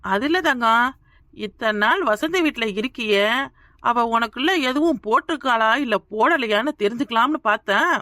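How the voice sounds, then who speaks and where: A woman's voice: a little high, animated, moderate pace, sharp tone, dry recording, studio quality. A woman voicing a blunt, sarcastic village woman who scolds in a cartoon. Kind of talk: cartoon voice acting.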